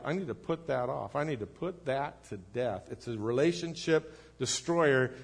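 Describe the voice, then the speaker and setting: Earnest preacher man, slightly high. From United States. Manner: earnest preaching, rising to emphatic then dropping low and quiet. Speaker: pastor. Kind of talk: sermon.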